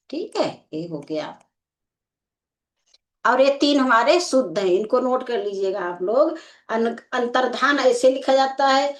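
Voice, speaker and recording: A woman teaching a Hindi spelling lesson for exam preparation, explaining slowly and checking in with the class again and again. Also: on the high side. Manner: slow and explanatory, repeating "ठीक है" as a check. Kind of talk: exam-prep lecture.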